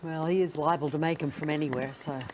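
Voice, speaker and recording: A man working as a golf commentator, giving understated, measured live commentary between shots. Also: on the high side, fairly even intonation, a little mellow, slight background noise.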